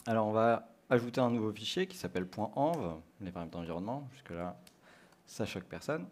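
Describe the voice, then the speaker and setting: A man's voice: lowish voice, animated, brisk, darkish tone. French man live-coding on a conference stage. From France. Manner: explains step by step, thinking aloud with fillers. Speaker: conference speaker doing a live coding demo.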